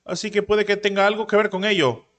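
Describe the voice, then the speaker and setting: A man narrating a manhwa story recap, briefly raising his pitch to voice the characters he quotes. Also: fairly even intonation, brisk, a bit bright, in a large hall.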